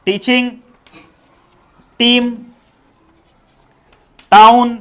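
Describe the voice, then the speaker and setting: A woman with an Indian accent teaching English pronunciation, repeating each word several times and asking quick questions to check the class. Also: on the high side, level tone, fairly bright tone. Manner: drills words by repeating them, asks quick check questions. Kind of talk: pronunciation lesson.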